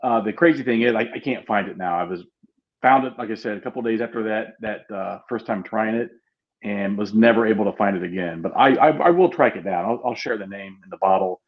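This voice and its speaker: A man co-hosting a casual chat, telling friendly stories with lots of hesitant fillers. His voice sits fairly low, and the recording sounds dull and muffled. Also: fast talker. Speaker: co-host.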